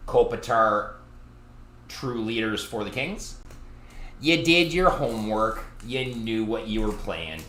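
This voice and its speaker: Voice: medium pitch, animated, takes it slowly, sharp tone, slight background noise. A card break host, chatting through a live box break and teasing viewers by name from a card shop. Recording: roomy echo.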